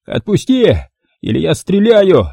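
Brief: male reader doing a hostile door guard, raised strained voice, loud and rude. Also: high-pitched, very animated, unhurried, creaky, dry recording, studio quality, pitched above the performer's own voice, full character voice. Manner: rude, snapping, threatening.

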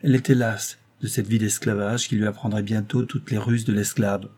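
A man narrating a novel as an audiobook, in a measured, even storytelling manner. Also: fairly low pitch, breathy edge.

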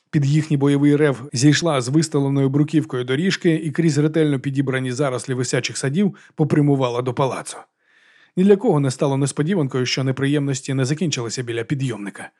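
Fast-reading man narrating a fantasy audiobook. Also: on the high side, a little mellow.

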